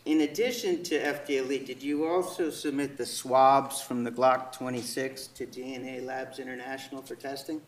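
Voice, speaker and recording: In an indoor courtroom, a male attorney conducts direct examination, asking a witness methodical, formal questions. His mid-range voice is steady, his pace moderate with hardly any pauses, and the distant microphone picks up an echoey room.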